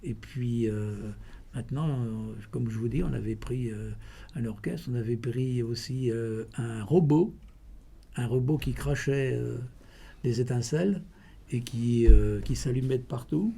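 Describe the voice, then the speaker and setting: A man with a mellow, husky voice and some gravel in it, answering informally in an interview. He tells his stories with halting starts and repeated words. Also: mid-range voice. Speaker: president of a running club, interviewee.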